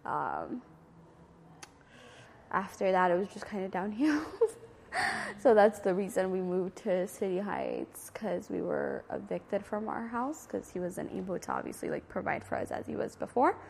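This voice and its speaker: A woman in her thirties, born in Ethiopia and brought up in San Diego from age nine, answers oral history interview questions in a community center room, recalling her past casually in an informal, reflective, hesitant way. Her mid-range voice is husky and darkish with vocal fry, very animated yet delivered at a measured pace. The recording carries a long, reverberant, hall-like echo.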